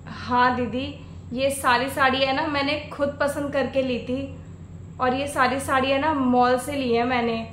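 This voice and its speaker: A woman playing a meek, polite young bride in a family skit drama, speaking softly and respectfully. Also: high voice, level tone, a little slow, reverberant, a little hiss or hum. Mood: pleased. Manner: soft, yielding, speaks respectfully. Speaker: daughter-in-law.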